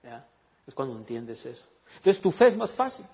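A man's voice: medium pitch, normal speed, slightly rough. A man preaching a sermon in a church, telling stories with jokes and switching into English to read scripture. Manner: animated storytelling, joking with the congregation; reads scripture in English and Spanish. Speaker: pastor. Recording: echoey hall, dull lo-fi sound.

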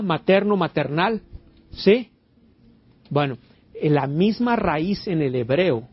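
A man's voice: a little high, husky. A man preaching a sermon in church, quizzing the congregation and throwing in amens and hallelujahs. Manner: preachy, asks the congregation questions, interjects amen and hallelujah. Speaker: pastor. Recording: dull lo-fi church recording.

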